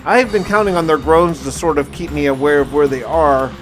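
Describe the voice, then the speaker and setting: Over background music, a man with a slightly high voice talks a little quickly as he narrates his own survival game run. He's a gaming video creator telling the challenge like a casual journal, with a touch of roleplay.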